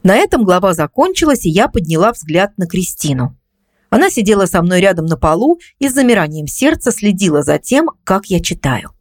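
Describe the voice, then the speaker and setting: A woman's voice: fairly low pitch, big pitch swings, fairly quick, no echo, clean studio sound. Woman narrating a confessional story. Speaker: audiobook narrator. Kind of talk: first-person audiobook narration.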